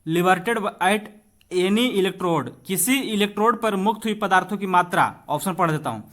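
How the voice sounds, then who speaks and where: A man with an Indian accent and a high, slightly bright voice leads an exam-prep class. Reading questions aloud, he explains them in an instructive way to the students in front of him, and he slows down over English passages.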